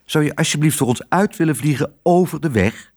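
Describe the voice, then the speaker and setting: A man's voice: fairly high pitch, fairly quick, voice pushed up, close to an everyday voice. Man playing a gloomy practical father, sighing, sober, storybook reading. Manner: sober and sighing, at times shouting.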